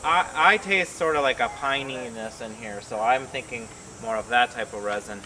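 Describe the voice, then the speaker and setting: A man's voice: medium pitch, moderate pace, pushed and bright. A man hosting a casual homebrewing vlog, rambling and thinking aloud with lots of fillers, recorded on a porch. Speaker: homebrewer host.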